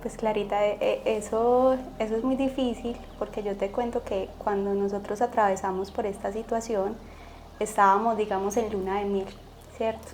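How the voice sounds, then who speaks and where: A woman's voice: medium pitch, level tone, normal speed, a little mellow, slight background noise. A young woman from Colombia, a guest telling a personal story, vividly acting out the dialogue.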